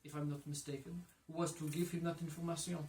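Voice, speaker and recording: A man's voice: a little high, flat delivery, fast, a little mellow, slight background noise, close to an everyday voice. A man reading as a polite elderly Frenchman. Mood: courteous. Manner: polite, formal, attempted French accent. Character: elderly Frenchman, the general's old friend. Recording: echoey room, mic far off.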